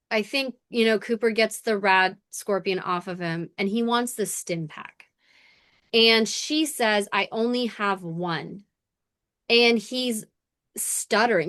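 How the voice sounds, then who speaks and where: In clean studio sound with no room sound at all, a woman with a slightly high, somewhat bright voice co-hosts a podcast. She recaps a TV episode in a loose, lively way, cursing freely and performing the scenes.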